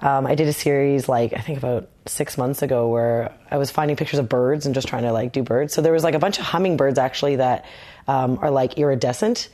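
A woman's voice: extremely low pitch, brisk, dark tone. A woman guest on a podcast, chatting casually about her art in a rambling, upbeat way with lots of fillers. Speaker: guest artist. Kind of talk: casual interview chat.

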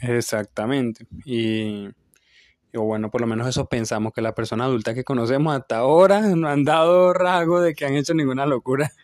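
A man's voice: mid-range voice, fairly quick, darkish tone, dry recording, clean studio sound. A young man, co-hosting a casual podcast and telling stories with many fillers and restarts. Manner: rambling storyteller with many fillers and restarts, laughs often. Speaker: podcast co-host.

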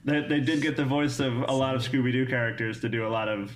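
Comedian guest riffing on a podcast. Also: male voice, medium pitch, fairly even intonation, fast talker, a little hiss or hum. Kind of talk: casual podcast chat.

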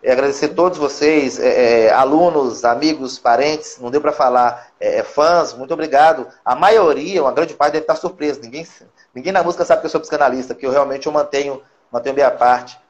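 A Brazilian man speaking as a psychoanalyst guest on a live-stream interview, talking in an animated, coaching way. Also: medium pitch, fairly quick, dull audio. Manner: animated, coaching, acts out quotes.

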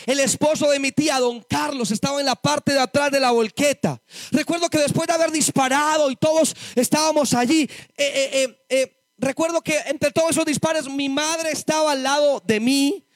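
A man giving an impassioned testimony sermon to a church congregation, addressing them as brothers and rising to shouted exhortation. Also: extremely high pitch, steady tone, normal speed, no echo, studio quality. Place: church service before a congregation.

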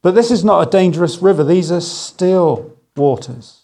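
Man, middle-aged, high gravelly voice, preaching, wry stories, slow emphatic lines. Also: animated. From England. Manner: storytelling with gentle humour, slow emphatic phrases. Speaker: guest speaker. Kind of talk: sermon.

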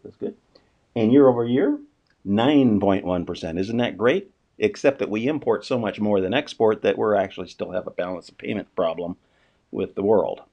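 A man's voice: on the low side, creaky, mellow, muffled recording. A man giving a casual, unscripted economic commentary, asking rhetorical questions and often restarting his sentences. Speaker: finance commentator.

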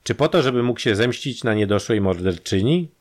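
A man voicing a calm, dry, persistent police detective who questions with pointed emphasis. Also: medium pitch, a little fast, voice pushed up, lightly acted. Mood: probing.

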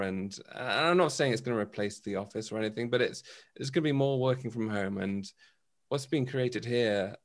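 Casting: man, mid-pitched voice, chatty self-mocking banter, heard over a video call. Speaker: freelancer on a community call. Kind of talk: casual chat. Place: home office.

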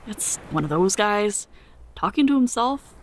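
Actor doing curt suspicious deckhand, mid pitched, dismissive, audio drama. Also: expressive, measured pace. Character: curt, suspicious ship's crew member.

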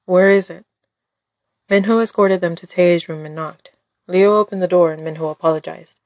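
A woman's voice: on the low side, steady tone, a little fast, darkish tone, no echo, studio quality. A woman reading scripted story narration as the narrator.

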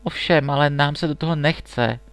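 A man's voice: fairly high pitch, a bit bright, clear, resonant tone, no room sound, faint music behind. A man voicing a chorus of gossipy court ladies in a storybook reading, eager and chattering.

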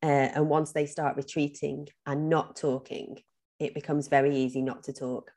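Being interviewed on a podcast, a woman reflects earnestly in a low, mellow, level voice at a moderate pace. Her speech is sprinkled with ums and the occasional repeated word.

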